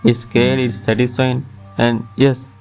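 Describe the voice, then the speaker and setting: A man's voice: mid-range voice, level tone, measured pace, creaky, a little mellow, smooth. A man reading a scripted top ten countdown as its narrator, with music playing behind him. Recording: music under the voice.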